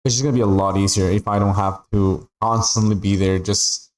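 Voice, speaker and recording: Fairly quick and with fairly even intonation, a young man from Peru talks casually over his game stream, his lowish voice meandering through frequent "like"s and "right?"s. The recording quality is low.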